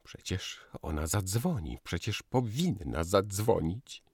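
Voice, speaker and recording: A man's voice: sits low, big pitch swings, takes it slowly, a little mellow, breathy edge, dry recording, clean studio sound, pitched above the performer's own voice, exaggerated voice. A man voicing an emotional young husband who speaks tenderly and sentimentally. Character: emotional young husband, quick to anger and tears.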